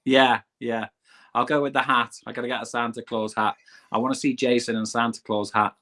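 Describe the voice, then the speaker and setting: A man talking as a guest in a casual podcast chat, with a medium-pitched voice. He comes across as easygoing and self-deprecating and laughs often. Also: level tone, brisk, fairly bright tone. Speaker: guest, van camping vlogger.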